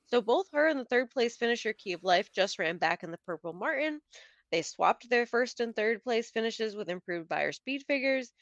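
Brisk, analytical woman guest, dry sound. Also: on the high side, expressive, no room sound, dull audio. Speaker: podcast guest and horse racing handicapper. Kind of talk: casual podcast chat.

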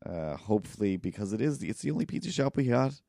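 A man, co-hosting a podcast, telling a long rambling story in casual chat and acting out people yelling in loud bursts. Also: on the low side, animated, quick pace, gravelly, dry recording, studio quality. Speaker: podcast co-host.

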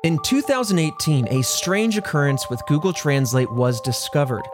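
A man's voice: on the high side, expressive, moderate pace, over music. A man hosting a podcast, explaining a story in a casual, conversational way. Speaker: podcast host.

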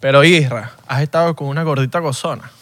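A young man co-hosting a podcast, teasing his friend in casual, drawn-out banter. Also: fairly high pitch, a bit bright. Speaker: podcast co-host. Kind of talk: casual chat.

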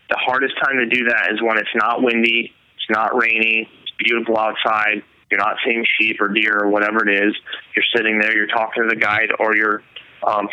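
A man's voice: on the low side, sharp tone, clean tone, dry recording, low-quality recording. A man who makes hunting films, explaining his process in a casual interview, rambling with fillers and restarts. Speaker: hunting filmmaker guest.

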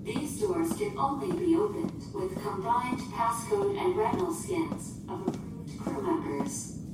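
In a science fiction audio drama, a woman voices a literal, formal ship computer, her phrasing precise, emotionless, calm and formal. Her voice is high-pitched, sing-song and unhurried over loud music, and the recording is very echoey and distant with noisy ambience.

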